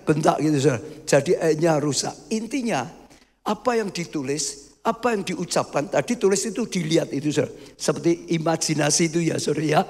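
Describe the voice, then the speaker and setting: Gravelly pastor in a reverberant hall. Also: male voice, high-pitched, a little mellow. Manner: emphatic, often addressing the congregation as 'brothers'. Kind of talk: sermon. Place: church hall.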